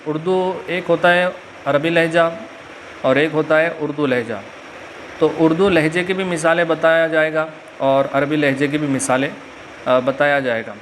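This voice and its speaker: A man with a Pakistani Urdu accent teaching a religious lesson and stretching out letter sounds slowly, with filler pauses. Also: a little high, a bit bright, a little hiss or hum. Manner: slow drawn-out letter recitation with frequent filler pauses. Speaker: Quran reading teacher. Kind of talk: religious lesson with Arabic invocations.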